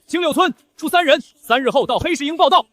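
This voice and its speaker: A man's voice: very high voice, fast, fairly bright tone. A man voicing a stern imperial official who reads out a draft decree in a formal, commanding way.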